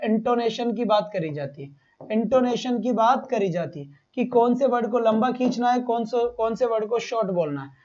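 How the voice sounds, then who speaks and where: A man teaches a live online exam-prep class, firing quick questions at his students, repeating each point and calling them "beta". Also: very high-pitched, a little mellow, lo-fi sound.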